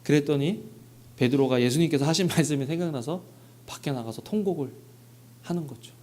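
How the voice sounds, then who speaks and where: A man's voice: a little high, brisk, warm tone. A man preaching a Sunday sermon as pastor, asking the congregation questions and acting out short bits of dialogue. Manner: rhetorical questions, acts out dialogue. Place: church sanctuary.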